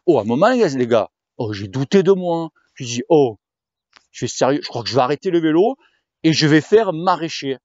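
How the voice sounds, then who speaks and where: Man, cycling vlogger, crude slangy rant, fairly high voice, dry dull sound. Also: lively intonation, fairly quick, darkish tone, no echo. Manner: crude, slangy, rambling, addresses viewers as "les gars". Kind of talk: casual rant to viewers.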